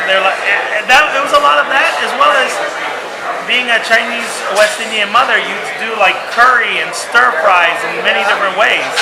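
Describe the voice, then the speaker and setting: A man who is a chef, talking in an interview, enthusiastic and rambling, with frequent restarts. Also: high voice. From San Francisco Bay Area. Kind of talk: casual interview talk. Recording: echoey room with loud background noise.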